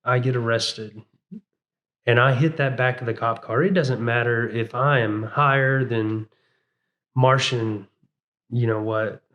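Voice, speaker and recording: A man's voice: mid-range voice, fairly even intonation, measured pace, long pauses, muffled recording. Casual thirties male guest, loose storytelling, keeps saying "you know", acts out old lines. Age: 30s. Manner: rambling, fillers like "you know what I'm saying"; acts out his own past words in a raised voice. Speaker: podcast guest.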